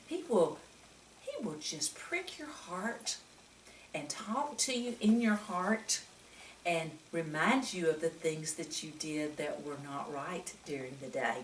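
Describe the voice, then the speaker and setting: Reading a picture book to small children, this woman speaks slowly in a low-pitched, expressive voice, exclaiming often and frequently asking the listener questions. It's captured on a distant microphone in an echoey room, with a little hiss or hum.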